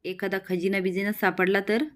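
A woman's voice: medium pitch, flat delivery, normal speed, a bit bright, lightly acted. A nosy meddling village woman, as a woman reads her. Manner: nosy, egging others on.

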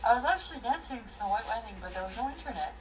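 Drunk, emotional woman with high swooping voice. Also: animated, rapid-fire, far from the mic, a little hiss or hum. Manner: emotional, swinging between crying, laughing and shouting. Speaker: livestreamer chatting with viewers. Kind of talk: casual live chat, rambling and profane. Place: small bedroom, indoors.

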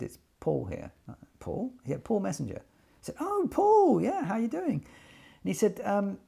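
In a small attic sitting room, an older loudspeaker designer informally recounts his company's story, acting out bits of dialogue. His gravelly, soft-edged voice has a husky grain and middling pitch. The retelling is animated, and he sometimes doubles back and repeats words.

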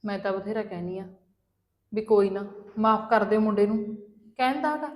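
A middle-aged woman acting a worried mother who gently but firmly scolds her grown son. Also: mid-range voice, moderate pace, lightly acted. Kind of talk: Punjabi web drama acting.

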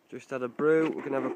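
A young man films himself on a handheld phone while wild camping on a coastal hillside, talking in a chatty, easygoing way with the odd swear word and frequent laughs. His voice sits in the mid range, and background noise is audible.

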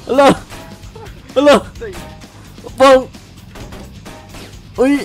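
A man's voice: extremely high pitch, flat delivery, very slow. A man from the Philippines streaming a game, refereeing a match with playful commentary, laughing often and repeating his calls. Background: faint game music.

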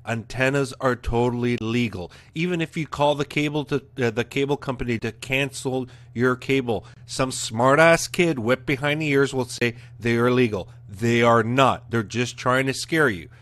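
A man's voice: medium pitch, normal speed, hardly any pauses, a bit bright, no room sound. Emphatic man ranting at home. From Canada. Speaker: host. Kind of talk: casual rant to camera. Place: living room at home. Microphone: studio mic in front of webcam.

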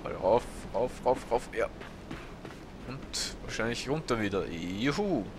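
Commentating gameplay at a measured pace, this let's play host from Austria, in his 30s, sounds expressive at medium pitch yet hesitant, leaning on fillers. The background is noisy.

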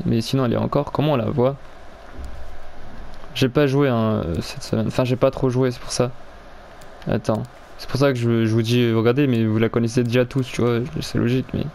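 Using crude slang, this young man swears now and then as he rambles and trips over his words while playing a video game for his gaming videos. He has a medium-pitched, slightly mellow voice with vocal fry. A faint hiss or hum runs underneath.

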